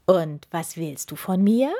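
A woman voicing a gaunt, grumpy old male wizard who talks slowly and gruffly. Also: lowish voice, close to an everyday voice. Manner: slow, gruff grumbling.

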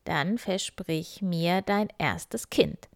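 A woman's voice: lowish voice, very slow, creaky, no room sound, full character voice. A woman voicing a small scheming male imp, coaxing and bargaining in a raised voice. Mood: sly. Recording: dry close recording.

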